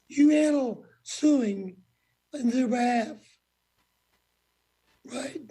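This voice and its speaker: A man questioning witnesses as a legislator at a formal hearing, blunt and folksy, in halting short phrases. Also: very high voice, warm tone, breathy edge.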